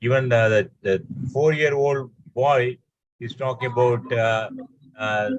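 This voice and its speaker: A man with an Indian accent chatting casually as a webinar participant, halting and repeating his phrases. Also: mid-range voice, fairly even intonation, no room sound, lo-fi sound. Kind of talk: casual chat. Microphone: online call.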